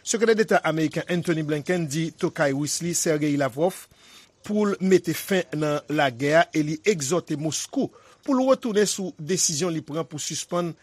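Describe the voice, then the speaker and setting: A man's voice: fairly high pitch, animated, normal speed, husky, no room sound. A man presenting the news as anchor, in a conversational style with spoken fillers.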